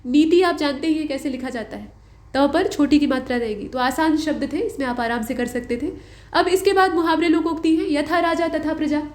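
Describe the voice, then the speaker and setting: Woman, young adult, teacher, exam walkthrough, patient, repeats points, high voice, echoey room. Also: brisk, darkish tone. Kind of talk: exam answer walkthrough lesson. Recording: roomy echo.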